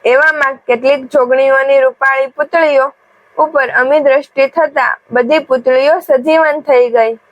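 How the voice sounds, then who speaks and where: A woman's voice: high voice, no echo. A woman voicing a young female companion of an enchanted queen, explaining in a matter-of-fact way.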